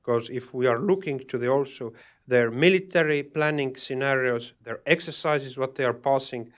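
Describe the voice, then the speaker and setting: A man speaking at a panel event, answering audience questions in a halting way, with many fillers and restarts. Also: medium pitch, clear, resonant tone. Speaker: panel speaker on security policy.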